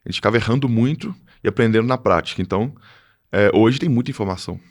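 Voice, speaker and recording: A man, speaking as a podcast guest. His voice sits fairly low, and he talks in a halting way, full of fillers and restarted phrases. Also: a little hiss or hum. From Minas Gerais, Brazil. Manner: hesitant, many fillers and restarts. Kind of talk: casual interview chat.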